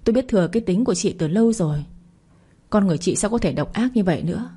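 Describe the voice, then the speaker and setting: A woman's voice: mid-range voice, expressive, fast, mellow, husky. A woman voicing a spiteful young sister-in-law who sneers.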